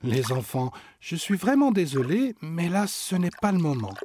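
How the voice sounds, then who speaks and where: Man voicing a soothing busy aunt, slightly higher pitch. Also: sing-song, moderate pace, a little mellow, a little hiss or hum. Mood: reassuring. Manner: soothing, apologetic. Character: busy reassuring aunt, cheesemaker.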